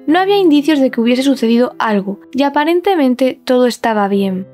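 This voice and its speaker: A woman's voice: high voice, a little mellow. A woman reading a scripted true-crime narration.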